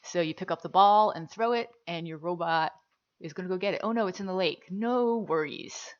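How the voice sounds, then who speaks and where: A woman's voice: fairly low pitch, normal speed, highs cut off. A woman casually commenting as she shows a virtual reality game, chatty and upbeat with frequent fillers. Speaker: gameplay video host.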